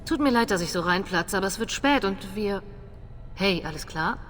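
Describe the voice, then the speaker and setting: Actress as considerate teammate in echoing room. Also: female voice, mid-range voice, animated, moderate pace, a bit bright, slight background noise, lightly acted. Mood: considerate, brisk. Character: considerate, businesslike young female teammate. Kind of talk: video game dialogue.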